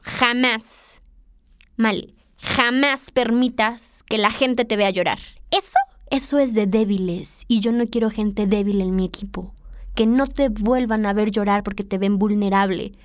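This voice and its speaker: A woman's voice: mid-range voice, steady tone, measured pace, smooth, no room sound, lightly acted. A Mexican woman quoting her stern female head chef, who scolds her harshly.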